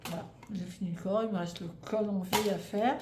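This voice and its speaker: This knitting vlogger, a Frenchwoman in her thirties, talks fairly quickly in a mid-range voice with fairly even intonation. Her casual chat wanders, and she stumbles often, restarting and using lots of fillers. Faint background noise and an echoey room mark the recording.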